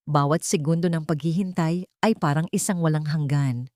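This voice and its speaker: A woman narrates a scripted dramatic story in a fairly low, darkish voice. The recording is studio quality with no room sound.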